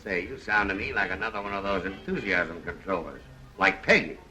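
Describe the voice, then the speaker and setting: A man's voice: low voice, expressive, brisk, low-quality recording. An actor playing a boisterous, showman-like American millionaire in a 1930s film. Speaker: American millionaire castle owner. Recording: old film soundtrack with music.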